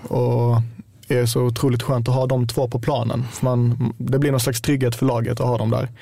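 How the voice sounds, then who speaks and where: A man speaking with a Scanian Swedish accent, talking casually and hesitantly as a football player guest. His voice is gravelly and rather flat in pitch. The recording is close and dry. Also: dry recording. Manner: relaxed, hesitant with many fillers. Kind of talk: casual podcast chat.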